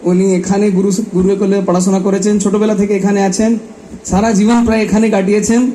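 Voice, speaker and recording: High-pitched man hosting, in halting second-language Bengali. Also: little pitch movement, warm tone, a little hiss or hum. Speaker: event host and master of ceremonies at a religious festival. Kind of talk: spoken welcome address.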